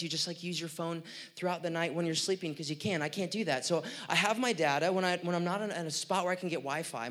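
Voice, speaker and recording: A man's voice: on the high side, a bit bright. A man with a slightly raised voice preaching in a loose, joking way. He tells a story with plenty of restarts and fillers, and it builds into comic venting. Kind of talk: sermon.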